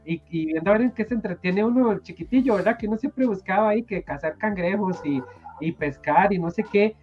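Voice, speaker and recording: A man's voice: high voice, a little fast. Costa Rican man, casual chat, sentimental and gushing, filler-heavy, slightly dull audio, faint music behind.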